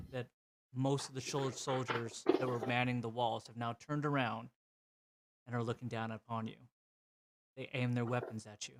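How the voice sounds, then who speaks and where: A man narrating a tabletop game as game master, in a relaxed, descriptive way. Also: medium pitch.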